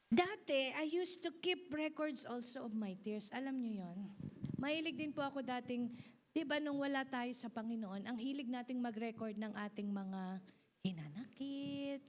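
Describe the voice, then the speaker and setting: A woman pastor preaches a sermon in a high, bright voice, animated and laughing often. She mixes English into her preaching and calls on the congregation to respond.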